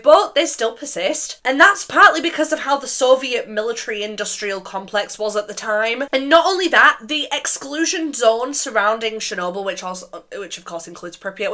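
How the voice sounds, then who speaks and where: A chatty young woman talks straight to her viewers in a casual vlog, animated and loose with the odd swear word. Her voice sits a touch high for a woman. She sounds like she is recording at home on a desk mic. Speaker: YouTuber host.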